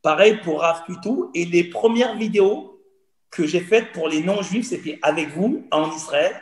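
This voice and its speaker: A man's voice: sits high, normal speed, a little hiss or hum. Earnest man in his forties, roomy echo. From Cameroon. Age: 40s. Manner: earnest, storytelling, repeats phrases. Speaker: guest. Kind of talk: personal testimony in conversation.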